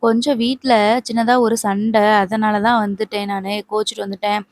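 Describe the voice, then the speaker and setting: A woman's voice: medium pitch, flat delivery, a little fast, no echo, lightly acted. A woman voicing a tearful young married woman who complains sorrowfully about her life.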